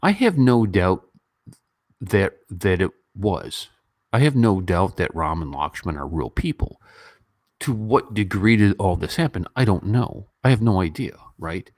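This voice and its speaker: This YouTube host, a deep-voiced man from a Western country, rambles casually through livestream chat and commentary. He talks at a measured pace, informal and loose, and becomes animated when he mimics other people. The recording is dry, with clean studio sound.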